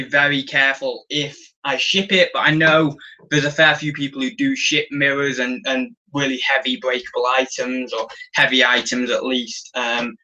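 Recorded by a camera on a tripod in a small room, this young adult man streams casually, going through his auction finds and responding to chat. He talks in a pushed, bright, medium-pitched voice with the highs cut off, meandering with frequent ums and false starts.

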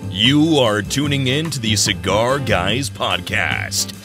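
A man announcing a scripted podcast intro in a lively delivery. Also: fairly low pitch, slow. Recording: voice over loud music.

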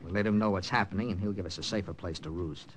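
In an old radio recording with music playing behind him, a man voices a tough, grim American intelligence captain, narrating the drama tersely in a hard-boiled, urgent way. His voice is low and fast, close to an everyday voice, with a little hiss or hum.

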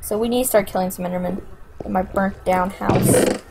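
Gravelly and medium-pitched at normal speed, a woman plays a survival video game amid heavy background noise. As a gamer giving let's play commentary, she's excitable and profane, cursing freely while thinking out loud.

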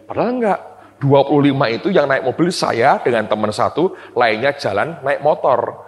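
A male pastor delivers a sermon full of personal storytelling, his voice leaping between loud, high, laughing bursts and hushed, low asides. His pitch moves widely across every phrase. A long reverb trails his voice through the hall. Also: animated, normal speed. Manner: drops to quiet, low tones for serious moments.

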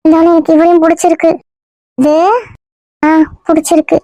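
Man putting on a coy high young woman. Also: monotone, brisk, dark tone, no room sound. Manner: coy, teasing, feigning innocence. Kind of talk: comedy skit role-play.

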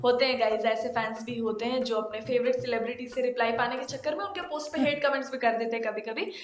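A woman's voice: a little high, fast, roomy sound. A young woman doing sarcastic comic commentary on her channel, mocking and slangy, seated in a small room. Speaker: comedy YouTuber. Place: small indoor room, seated in office chair.

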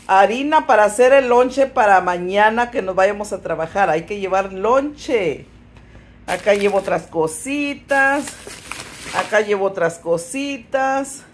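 A woman with a mid-range voice and a northern Mexican accent chats casually with her viewers as a vlogger, filming on her phone while she works outdoors in a rural field. She calls her audience little friends and throws in playful exclamations. There's a little hiss or hum in the recording.

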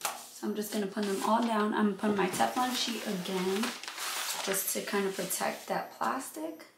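A woman hosting a craft video, explaining each step in a relaxed, thinking-aloud way and a bit out of breath. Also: medium pitch, normal speed, creaky, background noise. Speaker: crafting channel host. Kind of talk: casual how-to narration.

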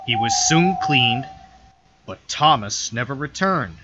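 A man reading a children's story aloud in a slow, expressive manner. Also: medium pitch, dull audio.

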